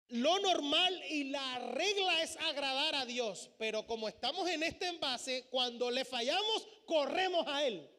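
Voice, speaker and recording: A man's voice: very high voice, pushed and bright. A man preaching a sermon as pastor, posing questions to his congregation. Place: church sanctuary. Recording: church hall with long reverb.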